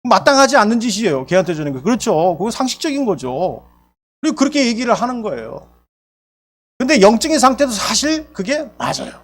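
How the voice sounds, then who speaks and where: A male pastor delivering a sermon, animated and expressive. His voice sits high for a man. It moves widely up and down as he tells Bible stories and acts out their characters. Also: fairly quick.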